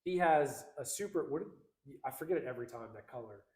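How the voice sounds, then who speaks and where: A man's voice: medium pitch, lively intonation, fairly quick, darkish tone, reverberant. A man co-hosting a casual livestream, reading out chat comments in an upbeat, slangy, rambling way.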